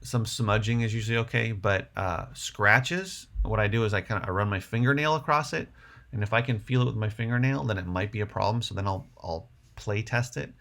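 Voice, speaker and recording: Answering questions on his livestream, this host muses out loud and rambles a bit at a slightly quick pace. His voice is low and gravelly, heavy with vocal fry, and his manner is casual.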